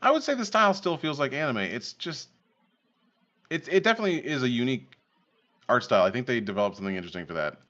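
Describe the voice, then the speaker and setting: A man's voice: mid-range voice, big pitch swings, fast talker, a bit bright. A man hosting a live podcast stream, reacting casually and laughing often. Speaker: podcast host. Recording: dull lo-fi stream audio.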